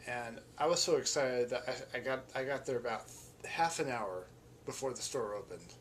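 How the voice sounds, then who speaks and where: Speaking at a normal speed in a mid-range voice, a male vlogger and musician tells a story casually and enthusiastically, rambling and frequently restarting his sentences. There's slight background noise.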